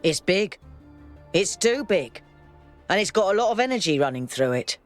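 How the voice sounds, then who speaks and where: A man playing a grumpy old robot engineer in a video game, gruff, irritable and sardonic. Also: high-pitched, big pitch swings, moderate pace, soft background music. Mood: dry, grumbling. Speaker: game character. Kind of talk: video game character dialogue.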